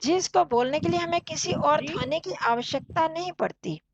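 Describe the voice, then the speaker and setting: Teacher, female, high voice with a gravelly edge, unhurried and patient, over dull lo-fi call audio. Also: a little hiss or hum. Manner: patient, explains step by step and recites sounds slowly for students to repeat. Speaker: Sanskrit teacher. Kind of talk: online class teaching. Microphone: online call audio.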